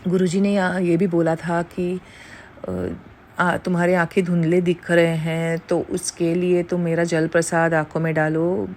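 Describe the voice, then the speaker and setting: A woman's voice: lowish voice, little pitch movement, measured pace, a little mellow, slight background noise. A middle-aged woman giving an earnest devotional testimony to a congregation, mixing Hindi with English phrases.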